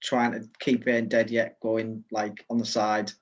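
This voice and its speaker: English guy on a video call, pretty monotone, muffled lo-fi audio, short easygoing replies. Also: lowish voice, measured pace. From England. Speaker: guest. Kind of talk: casual chat.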